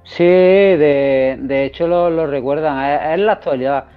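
A man hosting a casual chat, talking excitedly and rambling, with lots of restarts and filler questions. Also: a little high, a little slow, clean tone, soft background music. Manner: excited, rambling, repeats himself often. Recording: dull lo-fi recording.

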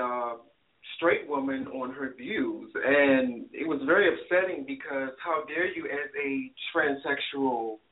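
A man hosting a call-in talk show, ranting in a profane, rambling way with many fillers. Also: a little high. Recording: tinny phone line.

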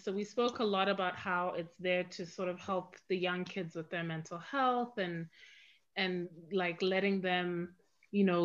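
A woman interviewer with a very bright, forward voice asks rambling, friendly questions full of "um" and "like." Her audio is dull and slightly muffled. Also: on the low side. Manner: chatty, filler-laden questions. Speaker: interview host. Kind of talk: casual interview hosting.

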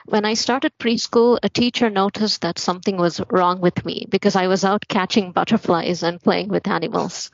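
A young woman from Malawi telling her life story as a guest, in a steady, matter-of-fact way. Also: mid-range voice, normal speed, vocal fry, hardly any pauses, dry recording. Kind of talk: personal story in a podcast interview. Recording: muffled lo-fi audio.

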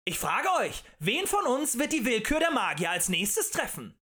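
A man voicing a fiery male demagogue who rants and shouts at a tavern crowd in an audiobook. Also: very high-pitched, big pitch swings, moderate pace, soft background music, voice pushed up, exaggerated voice. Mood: ranting. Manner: ranting, shouting, rhetorical and accusing.

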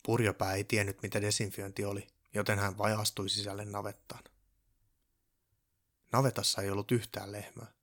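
A man calmly reading a children's story aloud as a storyteller. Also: lowish voice. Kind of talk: storybook narration.

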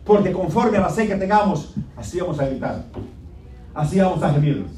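A high-pitched man delivers a fervent sermon, hammering the same phrases as his voice swells and falls back. He sounds far from the microphone, his words ringing through an echoey sanctuary. A steady background noise runs under the whole recording. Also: brisk. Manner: fervent, repetitive exhortation swinging between soft and loud. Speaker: preacher. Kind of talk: impassioned sermon. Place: church sanctuary. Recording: echoey church room, distant mic, background noise.

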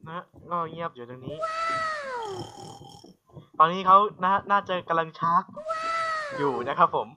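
A man's voice: on the high side, unhurried. A young man hosting a casual podcast chat, joking and hesitant, with many fillers. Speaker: podcast host. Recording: lo-fi with faint noise.

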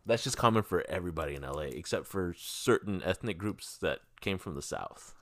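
A man's voice: low voice, lively intonation, a little fast, no echo, clean studio sound. A man chatting casually, with an informal, teasing way of putting questions to the other person. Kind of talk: casual chat.

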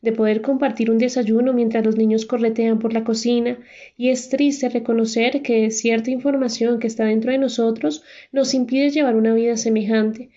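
A woman reads first-person audiobook narration in a measured, reflective manner. Her voice is fairly high but mellow. The recording sounds dull and lo-fi.

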